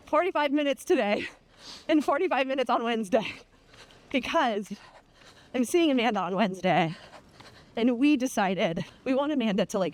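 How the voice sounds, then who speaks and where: A woman chatting casually and candidly while running in the heat, playful and quick to swear. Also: a little high, darkish tone.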